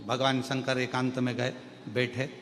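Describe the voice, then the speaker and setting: Man preaching a holy story, bright and slow, big hall echo, faint music. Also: medium pitch. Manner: animated storytelling with emphatic rising calls. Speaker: kathavachak preacher. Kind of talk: devotional scripture storytelling. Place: large religious gathering venue.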